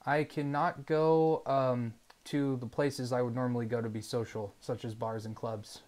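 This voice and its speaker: A man's voice: medium pitch, little pitch movement, measured pace, a little mellow. A man in his twenties giving articulate documentary interview answers. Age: 20s.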